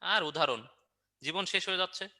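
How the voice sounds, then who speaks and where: A man's voice: high voice, moderate pace, bright, forceful tone. A man teaching an online review class, quizzing students and answering his own questions with playful memory tricks. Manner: playful and joking.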